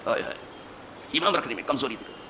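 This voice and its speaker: Forceful imam preaching. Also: male voice, medium pitch, expressive, a little hiss or hum. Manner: emphatic, rhetorical questions, rising to forceful peaks. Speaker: mosque imam giving hadith lesson. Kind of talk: Urdu hadith sermon. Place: mosque, seated at the pulpit.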